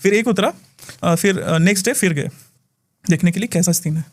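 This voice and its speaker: A man who works as a spiritual healer, telling a story in an animated way and often laughing, in a casual podcast chat. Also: high voice, moderate pace.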